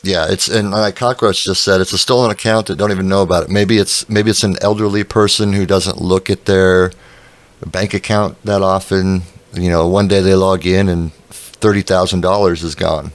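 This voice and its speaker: A man's voice: deep voice, fairly even intonation, moderate pace, no room sound. A man hosting a casual chat stream, talking conversationally with frequent fillers. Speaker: stream host.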